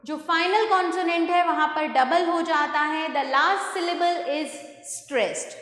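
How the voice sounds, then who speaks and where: A high-voiced Indian woman teaches English spelling rules, moving between English and Hindi as she explains. She talks very slowly and deliberately. Her voice rings in an echoey room with a long reverb tail. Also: fairly even intonation, fairly bright tone. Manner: explains each rule in English then restates it in Hindi. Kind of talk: grammar lesson mixing Hindi and English.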